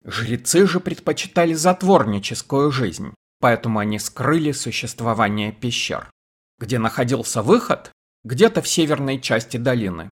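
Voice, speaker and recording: A male audiobook narrator reading a science-fiction story in an even, measured way. His mid-range voice has a husky, slightly breathy texture throughout. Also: medium pitch. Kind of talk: scripted narration.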